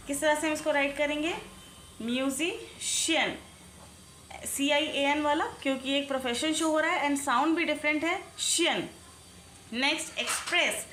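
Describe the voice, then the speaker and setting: A woman teaching English spelling rules, talking slowly and deliberately, spelling words out letter by letter and asking her learners questions. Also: high-pitched, a bit bright. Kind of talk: online lesson in Hindi-English mix. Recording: echoey room, faint background noise.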